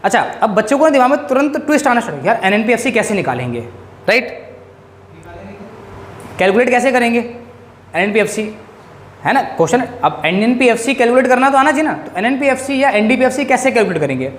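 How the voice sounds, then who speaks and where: A male economics teacher giving a classroom-style lecture, drilling his students with quick questions. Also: very high-pitched, lively intonation. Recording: echoey room.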